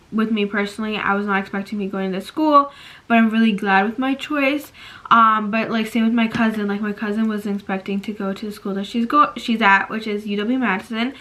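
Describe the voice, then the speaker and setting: A teenage girl in casual vlog chat, talking fast and filling her talk with "like", giving advice to viewers from her phone. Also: on the high side, fairly bright tone, rough recording. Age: teens. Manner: chatty, fast, lots of "like" fillers. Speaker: vlogger. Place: bedroom at night. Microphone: phone at arm's length.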